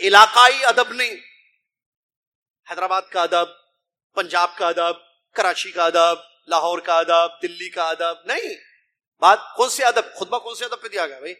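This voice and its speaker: A man's voice: high-pitched, sharp tone. A middle-aged man from India or Pakistan gives an emphatic sermon in a mosque, often asking rhetorical questions and calling his listeners brother. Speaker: preacher translating a Friday sermon.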